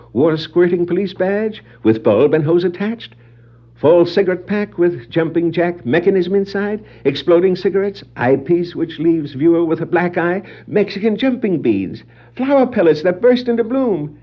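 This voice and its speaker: An actor playing a gleeful, scheming clown criminal in a theatrical, gloating 1960s children's record dramatization of a comic book. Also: male voice, high voice. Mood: boastful listing. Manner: theatrical, gloating, prone to cackling laughter. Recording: muffled 1960s vinyl record.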